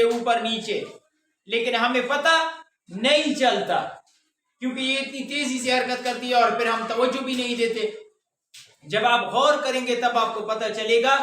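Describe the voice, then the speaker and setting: A man's voice: very high voice, pushed and bright, slight background noise. A man teaching a pronunciation lesson to a class, stretching words out syllable by syllable and quizzing the students. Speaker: English teacher. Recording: very echoey room, voice from far off.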